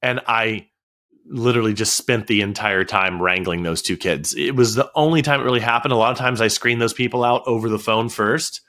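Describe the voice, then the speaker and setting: A man on a podcast telling relaxed stories about teaching in his music studio, often wandering off topic and laughing. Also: on the low side, fairly quick. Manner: storytelling, digresses and laughs. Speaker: guest, music studio owner. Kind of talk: casual podcast conversation.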